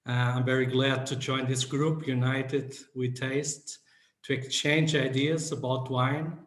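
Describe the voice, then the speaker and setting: A man from Portugal, a guest on a video call, introducing himself hesitantly with many fillers. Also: medium pitch. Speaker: guest wine lover. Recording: echoey room on a video call.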